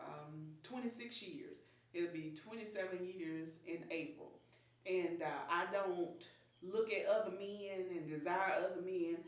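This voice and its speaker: A woman in her fifties talks candidly about her own life, open and quick to laugh. Her voice sits low. She is recorded from a distance in a strongly echoing room. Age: 50s. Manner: frank, open, laughs easily. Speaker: guest. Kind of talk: candid personal chat. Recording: echoey room, voice from far off.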